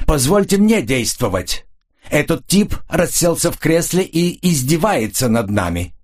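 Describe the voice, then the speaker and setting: A man's voice: fairly high pitch, big pitch swings, unhurried, voice pushed up. A man doing a hot-headed gunman. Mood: furious. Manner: shouting, threatening. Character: volatile hot-headed Polish man with a pistol.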